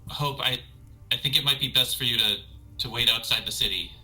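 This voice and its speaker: A man voicing a kind, protective young woman adventurer who speaks gently and reassuringly. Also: medium pitch, brisk, faint music behind, rough recording.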